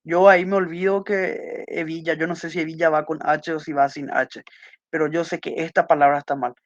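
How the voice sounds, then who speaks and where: A man's voice: a little high, little pitch movement, fairly quick, no echo. A man teaching a class, patiently going over test answers and repeating key points with little checking questions. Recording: muffled dry lo-fi audio.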